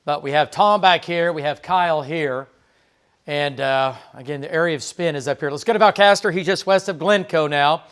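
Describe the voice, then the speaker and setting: A man's voice: a little high, moderate pace, a bit bright, clear, resonant tone. A TV meteorologist, a man, giving live severe weather coverage in a conversational way, talking through the radar with frequent fillers. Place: TV weather studio.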